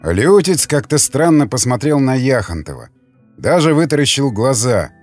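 A man narrating an audiobook in a measured storytelling manner. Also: mid-range voice, sing-song, a little mellow. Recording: dry studio with faint music.

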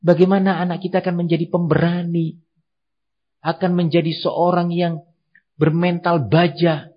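A man's voice: on the high side, level tone, moderate pace, husky. A man from Indonesia preaching an Islamic sermon in an earnest, admonishing manner. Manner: earnest, admonishing, acts out parents' voices. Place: small prayer hall. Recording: dull lo-fi sermon recording.

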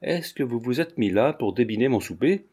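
A brash young woman who reads cards and mocks every flatterer comes through in this storybook reading, as a man puts her on. Her talk is cheeky and quick to snap back. The voice stays mellow and mid-pitched. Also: breathy edge. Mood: saucy. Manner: saucy and streetwise. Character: brash, blunt young woman fortune-teller.

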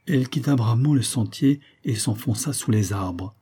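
A man narrating a novel as an audiobook in a measured, even reading manner. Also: mid-range voice, husky.

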